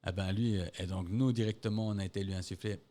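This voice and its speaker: Homme belge, voix grave, ton relâché. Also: male voice, lowish voice, steady tone, quick pace, mellow. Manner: loose, swearing, mimics others in quotes. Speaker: podcast co-host. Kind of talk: casual chat, storytelling.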